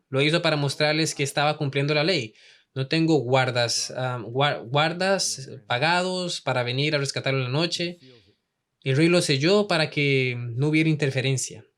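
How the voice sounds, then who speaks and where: Un hombre que enseña una lección bíblica en español y hace muchas preguntas al público. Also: male voice, a little high, fairly bright tone. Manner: asks the audience many questions. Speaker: Bible teacher. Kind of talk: Bible study lesson in Spanish.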